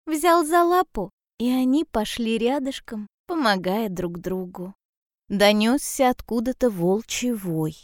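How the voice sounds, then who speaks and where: A woman narrates a fairy tale in a calm, measured way, taking her time over every phrase. Her voice sits a little high, and the sound is close and dry. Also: dry recording. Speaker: storyteller.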